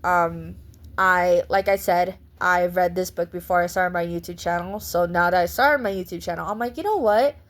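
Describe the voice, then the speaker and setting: A woman's voice: on the low side, steady tone, normal speed, fairly bright tone. A woman giving a casual vlog book review in a chatty, rambling way, often breaking into laughs.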